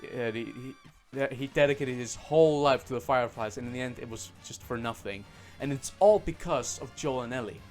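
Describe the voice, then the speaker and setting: A man's voice: mid-range voice, a little fast, a little mellow, faint music behind. Sarcastic man ranting about a game. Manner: sarcastic, profane, many fillers. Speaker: game reviewer. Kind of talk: casual ranting review.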